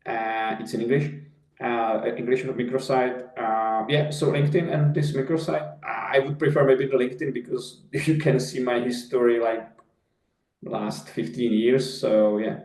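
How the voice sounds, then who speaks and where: Slavic-accented man, halting and echoey. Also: medium pitch, level tone, darkish tone. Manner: halting, many restarts and repeated words. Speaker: guest, company founder. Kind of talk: casual interview answers. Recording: echoey room.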